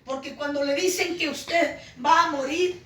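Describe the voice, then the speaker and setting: Woman preacher, Pentecostal testimony, shouts then hushes; recorded far off in a roomy space. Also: high-pitched, fairly even intonation, measured pace. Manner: impassioned, swings between shouting and hushed. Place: church home meeting. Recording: echoey room, voice from far off.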